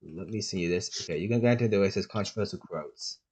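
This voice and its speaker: A man's voice: sits low, fast, darkish tone, slightly rough. A man co-hosting a casual podcast, rambling and restarting his sentences, with sarcastic asides. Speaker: podcast co-host.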